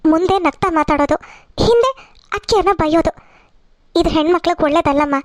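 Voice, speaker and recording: A woman playing a firm but caring mother who lectures her family in a cartoon serial. The voice is very high, recorded close and dry. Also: a little fast, no echo. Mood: lecturing. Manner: lecturing, advising.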